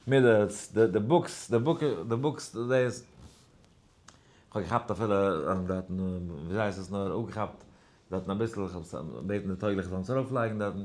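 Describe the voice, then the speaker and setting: A man's voice: lowish voice, very fast, darkish tone, slight background noise. Give me a man teaching a Torah class who wanders through a story and sometimes chants verses. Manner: rambling with many fillers, searching for words; mixes in English words. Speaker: rabbi giving a daily class. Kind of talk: Torah lecture in story form.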